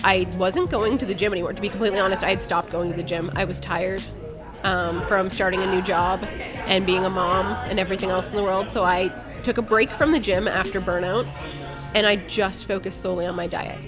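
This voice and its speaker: A woman's voice: medium pitch, fairly even intonation, fairly quick, over music. Blunt, candid woman telling her story. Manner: swears casually. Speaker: podcast guest. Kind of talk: telling a personal story in conversation.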